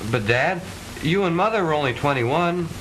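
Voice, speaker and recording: An actor playing an earnest, lovestruck young son with florid, declamatory delivery in stagey 1920s comedy film style. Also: male voice, a little high, lively intonation, normal speed, fairly bright tone, low-quality recording. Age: young adult. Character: lovestruck, earnest, melodramatic college-boy son. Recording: hissy 1920s film soundtrack.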